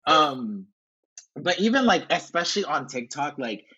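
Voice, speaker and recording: A young man from Virginia with Honduran and Salvadoran roots chats as a podcast guest. His voice is husky yet bright, and he tells stories animatedly, mixing English and Spanish. The audio has a dull, lo-fi edge. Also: fairly high pitch, a little slow. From Honduran Salvadoran American from Virginia. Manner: animated storyteller, laughs often, switches between English and Spanish. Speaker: podcast guest, content creator. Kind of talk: casual conversational interview.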